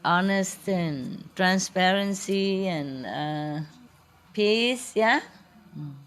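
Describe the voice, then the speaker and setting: A woman's voice: medium pitch, drawn-out words, clean tone. A woman spiritual teacher chatting casually with a gathering, playful and laughing often, in broken English.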